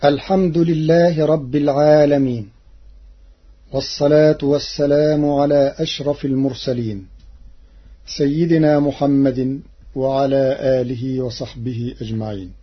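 A man teaching Quran recitation variants, speaking slowly and deliberately and intoning each quoted verse. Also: medium pitch, steady tone, breathy edge, highs cut off. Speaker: Quran reading instructor. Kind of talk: didactic explanation of recitation variants.

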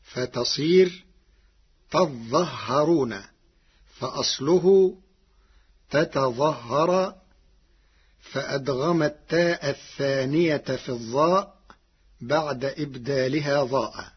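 A man teaching the variant readings of Quranic recitation in a slow, deliberate, measured lecture. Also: mid-range voice, slightly rough, dull audio. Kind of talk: scripted explanatory lecture.

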